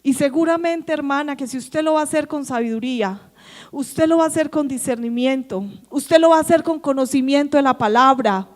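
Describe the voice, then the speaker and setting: A woman preaching in a church, speaking with a Colombian Antioquia accent. Her voice sits high, and her sermon is lively, full of questions thrown at the congregation. Behind her the church hall rings with a long reverb. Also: fairly quick. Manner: lively, acts out quoted dialogue, asks the congregation questions.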